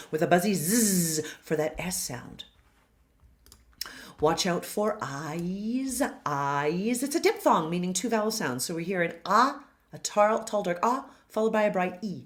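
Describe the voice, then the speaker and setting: Low-voiced woman coaching singing pronunciation. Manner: over-enunciates model words, loud and drawn out. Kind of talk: pronunciation lesson.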